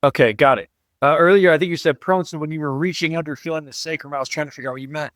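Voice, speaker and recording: Male host, inquisitive and affirming, smooth resonant voice pitched a bit high, dry sound. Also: rapid-fire, fairly bright tone, dry recording. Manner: curious, clarifying, affirming. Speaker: podcast host. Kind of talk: podcast interview questions.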